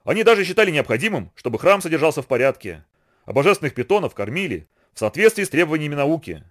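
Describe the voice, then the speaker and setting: A man reading a novel aloud in brisk, expressive scripted narration. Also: fairly high pitch. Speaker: audiobook reader.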